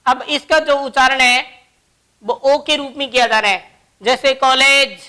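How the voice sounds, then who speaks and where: Woman grammar teacher, high-pitched and slow, careful about each example. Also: steady tone, bright, forceful tone, smooth. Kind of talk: classroom grammar lesson.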